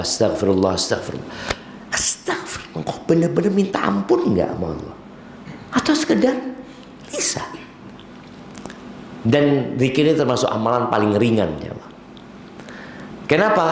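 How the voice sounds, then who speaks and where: Male preacher, expressive swooping delivery, echoey room with faint background hum. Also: mid-range voice. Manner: lively lecturing, rhetorical questions, mixes in Javanese phrases. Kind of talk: sermon.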